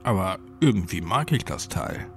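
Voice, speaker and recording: An easygoing, forgetful young boyfriend in a spoken horror story, talking low and loose with a joking, slightly sheepish manner, as a male narrator voices him. Nothing about him sounds tense. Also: sing-song, moderate pace, soft background music.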